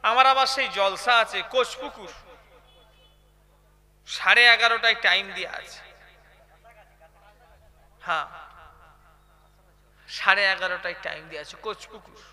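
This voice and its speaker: Bright-voiced, high-pitched Bengali preacher. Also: male voice, unhurried, long pauses. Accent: West Bengal Bengali. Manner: keeps asking the crowd to answer, swinging from quiet chat to loud chanted outbursts. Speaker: Islamic preacher. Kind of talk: live sermon at a religious gathering.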